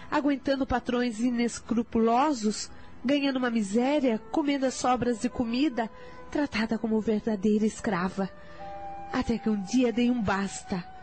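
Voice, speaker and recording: A woman playing a calm confessing mother. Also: fairly high pitch, natural voice. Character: woman in her thirties, a mother with a hard past, calm and confessional. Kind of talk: radio drama storytelling.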